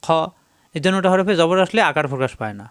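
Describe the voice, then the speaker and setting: A man leads a patient pronunciation lesson and drills each letter sound again and again. His voice is slightly high, smooth and resonant. It is recorded close up and dry, with no room echo. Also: sing-song, fairly bright tone. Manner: slow, repetitive drilling of sounds, asks viewers to repeat. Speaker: Quran teacher. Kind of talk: step-by-step recitation lesson.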